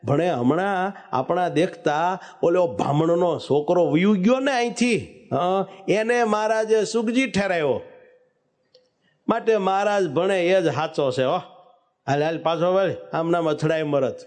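A man's voice: high voice, measured pace, darkish tone. A man preaching a devotional sermon, telling a story and breaking into sung verses. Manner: storytelling, bursts into sung verses, calls out lines.

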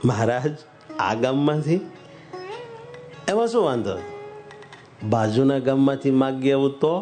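A man's voice: medium pitch, animated, unhurried, a little mellow, faint music behind, lightly acted. A man voicing a humble, bashful village carpenter in a told religious story, hesitant and pleading, with rural speech.

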